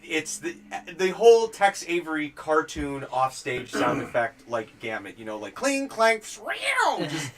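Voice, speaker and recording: A man's voice: fairly high pitch, normal speed, hardly any pauses. A man narrating as game master of a tabletop game, chatty and laughing, with spoken sound effects.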